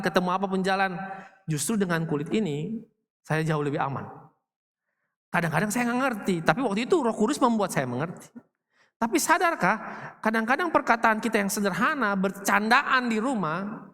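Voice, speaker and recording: A man's voice: sits high, bright, forceful tone. A male pastor preaching a sermon in a conversational way, telling personal stories and acting out quoted remarks. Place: large church hall. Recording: long church hall reverb.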